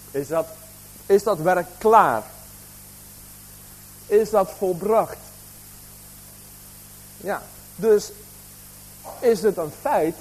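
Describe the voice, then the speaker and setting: Preacher guy, raspy highish voice, keeps asking the church questions, bit of a cough. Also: rough recording. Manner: preaching with rhetorical questions to the congregation. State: slight cough. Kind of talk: sermon.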